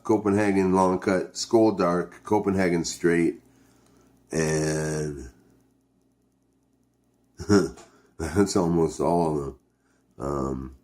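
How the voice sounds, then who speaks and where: A man with a very low voice talks at a distinctly slow pace. He sounds like a vlogger in casual chat, rambling and hesitating as he thinks things through out loud. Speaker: video host reviewing dipping tobacco.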